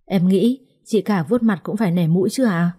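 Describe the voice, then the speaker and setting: A woman's voice: mid-range voice, normal speed, warm tone, breathy edge, close to an everyday voice. Polite young bride, voiced by a woman. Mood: firm. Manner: polite, restrained. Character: gentle but firm young bride.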